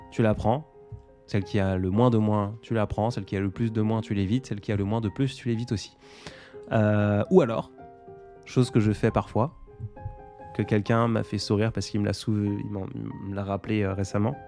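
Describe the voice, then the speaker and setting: Man in his 20s, live stream host, casual Q&A, rambling, self-mocking, low voice, faint background music. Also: dark tone. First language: French. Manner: rambling, hesitant, many fillers and restarts. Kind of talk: casual live Q&A answering viewer comments.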